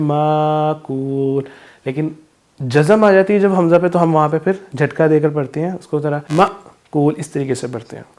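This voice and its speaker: A man with a Pakistani accent teaching children recitation rules, explaining step by step and then reciting verses slowly and drawn out. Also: fairly high pitch, a little mellow. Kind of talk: Quran recitation lesson for children.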